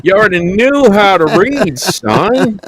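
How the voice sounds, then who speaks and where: A man voicing a gruff, loud Southern father who scolds his son in a drawl. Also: high voice, very animated, unhurried, a crowd in the background, voice pushed up. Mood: scolding. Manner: hollering, drawling, exasperated.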